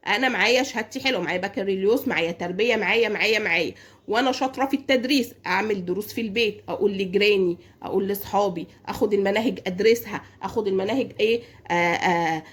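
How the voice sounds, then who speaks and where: A woman's voice: fairly high pitch, breathy edge. A young woman with an Egyptian Arabic accent giving casual money-saving advice to women, asking herself questions and answering them. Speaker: home savings vlogger.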